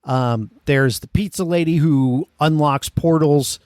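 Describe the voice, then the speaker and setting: A man's voice: fairly high pitch, unhurried, darkish tone, dry recording, clean studio sound. A man hosting a casual gaming podcast, explaining things in a conversational way. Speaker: podcast host.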